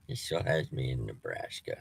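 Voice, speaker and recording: A man with a whistle on his S sounds gives casual, halting weather commentary as a storm chaser, thinking aloud as he reads. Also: a bass voice, big pitch swings, creaky, breathy edge, dry recording. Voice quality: whistling S sounds from false teeth.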